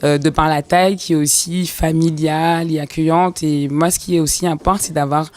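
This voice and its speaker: Chatty tourism entrepreneur, fillers galore. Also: female voice, sits low, steady tone, a little fast, dry recording. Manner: fluent but filler-heavy, says 'en fait' often.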